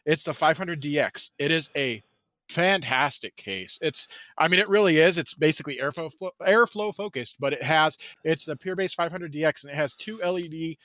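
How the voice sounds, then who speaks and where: A man, a marketing manager guesting on a casual podcast, talking in an excitable, self-deprecating, jokey way. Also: on the high side, normal speed, dry recording, highs cut off.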